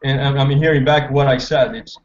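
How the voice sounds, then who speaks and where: A man from Brazil talks in a mid-range voice over a crackly call line that keeps breaking up. His delivery is hesitant and halting. The muffled headset audio sounds dull and lo-fi. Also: medium pitch, steady tone. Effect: crackly, breaking-up remote call line. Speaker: guest trader on a live market show. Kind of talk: remote interview call.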